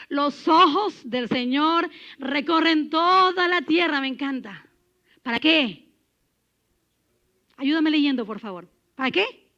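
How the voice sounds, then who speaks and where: Animated high-voiced woman preaching a sermon. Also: vocal fry, highs cut off. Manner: animated, swings between emphatic and hushed. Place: church.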